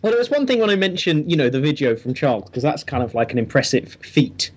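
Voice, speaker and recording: A man's voice: fairly high pitch, sing-song, quick pace, husky. A man co-hosting a podcast in casual chat, with wry, self-deprecating humor. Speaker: podcast co-host.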